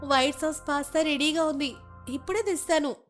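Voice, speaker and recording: A woman's voice: sits high, a little fast, faint music behind, pitched above the performer's own voice, natural voice. A woman voicing a naive, cheerful young daughter-in-law from a village who chatters eagerly.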